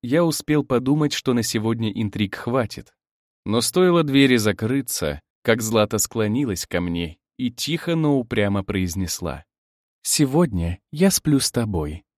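A man narrating a story in first person, telling it expressively and lively. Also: medium pitch, normal speed, dry recording, clean studio sound. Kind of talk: audiobook narration.

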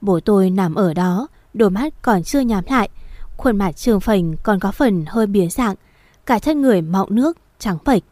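A woman reading a first-person story aloud in a steady, somber storytelling manner. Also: mid-range voice, moderate pace, no echo. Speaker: narrator.

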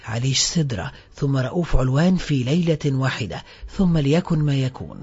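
A man's voice: medium pitch, animated, a little fast, darkish tone, husky. A man voicing a menacing vengeful ex-convict. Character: hardened vengeful male ex-convict, armed. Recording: dull lo-fi with faint music.

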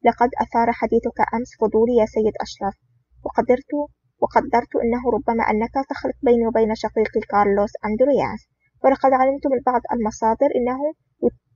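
A reader voicing a scheming male crime boss in an audiobook, in a measured, smooth manner. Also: medium pitch, level tone, warm tone, slight background noise, lightly acted. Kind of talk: audiobook reading. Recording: dull lo-fi recording.

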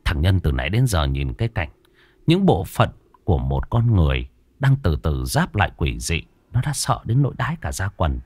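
A man narrating a horror story in a dramatic, drawn-out storytelling manner. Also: sits low, big pitch swings, darkish tone, dry recording.

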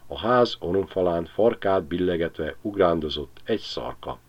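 A man narrating an audiobook with expressive storytelling. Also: sits low. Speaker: audiobook reader. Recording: slightly dull lo-fi recording.

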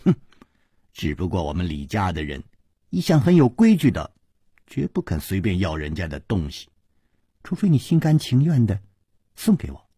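A man voicing a sly, mocking boy servant who teases smugly, sometimes dropping to a soft sneer. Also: low voice, wildly swooping pitch, moderate pace, pauses often, slightly rough, dry recording, studio quality, voice pushed down, heavily acted. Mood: sly, teasing. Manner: teasing, smug, soft sneering asides.

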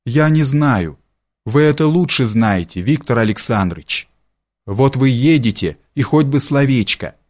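A man voicing a timid, devoted young peasant girl who pleads softly in an audiobook story. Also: mid-range voice, animated, a little slow. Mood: pleading.

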